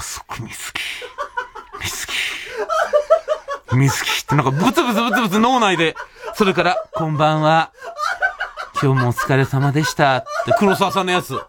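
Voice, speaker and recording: High guy rattling off a funny story, laughing lots, bit of noise behind. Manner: animated, laughs while telling, acts out quoted voices. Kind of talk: comic anecdote monologue. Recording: noisy recording.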